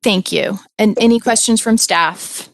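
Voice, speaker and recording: Presiding politely and procedurally as judge in a formal hearing conducted remotely over audio and video link, a woman speaks unhurriedly with a creaky, medium-pitched voice. A little hiss or hum is audible.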